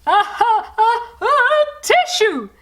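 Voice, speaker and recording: Lady doing a big jolly santa, noisy n singsong, pitched up high, really drawn out words. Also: big pitch swings, slow, fairly bright tone, heavily acted. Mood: boisterous. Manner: booming, singsong, exuberant. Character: jolly, noisy, excitable male Santa Claus.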